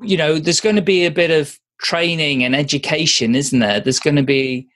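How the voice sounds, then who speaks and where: A man co-hosting a podcast, chatting in a relaxed, agreeable manner. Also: fairly high pitch, moderate pace. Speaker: podcast co-host. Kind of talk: casual podcast chat.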